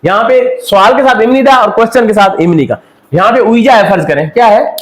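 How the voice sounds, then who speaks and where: Man, teacher from Pakistan, classroom lecture, call-and-response drilling, fairly high voice, echoey room. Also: fairly quick. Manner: drills the class with repeated questions and answers. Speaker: Korean language teacher.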